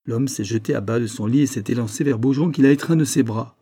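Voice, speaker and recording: A man's voice: mid-range voice, fast, dark tone, slightly rough. A man voicing an emphatic male investigator who lays out the truth of a crime, his voice raised and pressing. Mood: triumphant. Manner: emphatic, probing, raised and tense. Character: sharp, insistent male investigator unveiling a crime.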